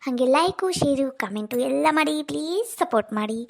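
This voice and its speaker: A woman's voice: sits high, lively intonation, fairly quick, vocal fry. A woman with a North Karnataka accent, the channel creator, making a friendly appeal to viewers. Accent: North Karnataka Kannada.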